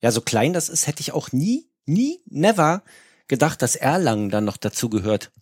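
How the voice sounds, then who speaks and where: A man co-hosting a podcast in casual chat, joking around and haltingly reading out dialect words. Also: mid-range voice, very animated, darkish tone, slightly rough, no room sound, studio quality. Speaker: podcast co-host.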